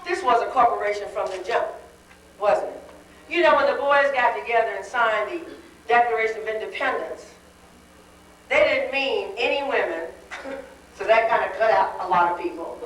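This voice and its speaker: A woman's voice: a little high, moderate pace, fairly bright tone. A woman giving a wry, conversational dinner speech, heard on a worn VHS tape copy. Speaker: dinner speaker. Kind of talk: public speech. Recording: hissy worn tape, echoey hall from far off.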